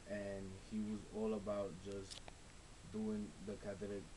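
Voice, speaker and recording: A young man from Ecuador gives a class presentation in a low, flat voice, stumbling over his words and restarting often. A steady hiss runs under the recording. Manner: halting, many restarts and fillers. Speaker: student presenter. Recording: hissy low-fi camera recording.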